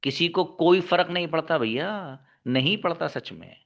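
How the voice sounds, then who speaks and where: A man's voice: a little high, animated, moderate pace, gravelly, a bit bright. A male English teacher lecturing his class, scolding and exhorting his students to work hard. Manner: scolding, exhorting, calls students son and daughter. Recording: dull lo-fi recording.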